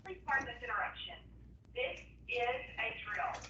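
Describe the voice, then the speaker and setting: Lady on the school pa loudspeaker, formal announcement, higher voice, super echoey from down the hall. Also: moderate pace, slight background noise. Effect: heard over a school PA loudspeaker. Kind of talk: public address announcement. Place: school classroom, announcement coming from the hallway speakers. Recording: echoey, muffled loudspeaker from far off.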